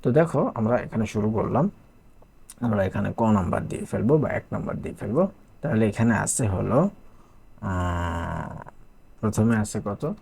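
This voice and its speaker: Gravelly-voiced Bangladeshi man tutoring math. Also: lowish voice, animated, moderate pace, long pauses, a little mellow. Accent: Bangladeshi Bengali. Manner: talks students through a textbook page step by step, often checking with "okay?". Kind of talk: casual classroom explanation.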